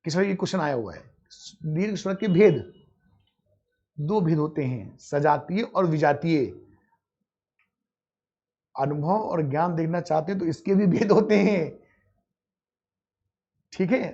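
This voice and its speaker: A man's voice: a little high, unhurried, gravelly, long pauses, mellow, husky. A man teaching grammar in a live online class, calling his students "beta" and answering his own questions. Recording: dull lo-fi audio.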